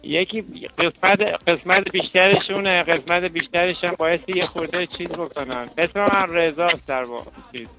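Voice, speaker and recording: A man phones in to a radio talk show. He speaks haltingly and often gropes for the right word. His voice sits a little high for a man, and music plays clearly behind him. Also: rough recording. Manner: halting, searches for words. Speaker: caller. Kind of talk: phone-in conversation.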